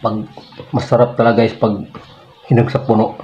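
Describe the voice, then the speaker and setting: A man's voice: on the low side, normal speed, muffled recording, a little hiss or hum. A man, chatting casually to his viewers while chewing food as he talks. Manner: relaxed, chatty, addresses viewers as guys. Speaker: vlogger. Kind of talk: casual mukbang vlog.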